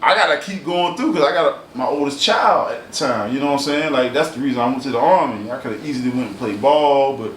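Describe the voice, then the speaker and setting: A man in his forties from Hawaii, a guest in a casual interview, telling his story haltingly with many fillers and restarts. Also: mid-range voice, fairly bright tone, far from the mic. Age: 40s. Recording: roomy, off-mic, faint room hiss.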